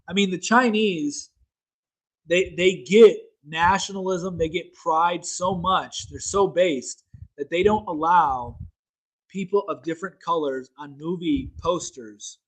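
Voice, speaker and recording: A man's voice: fairly high pitch, low-quality recording. A young man hosting a casual solo political talk show, rambling, repeating himself and using many fillers. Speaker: show host.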